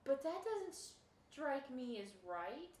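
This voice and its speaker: Playful woman player, high lively voice, echoey and far off. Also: slow pace, slight background noise. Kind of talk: casual tabletop game chat. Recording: echoey room, mic far off.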